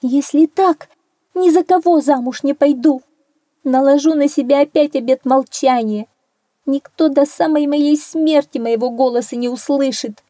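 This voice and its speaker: A proud, strong-willed young princess, as a woman reads her in a fairy tale. Her voice is mellow and soft-edged, pitched a little higher and louder than the narration, with earnest insistence. The sound is dry and close. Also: lively intonation, unhurried, no echo. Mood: distraught.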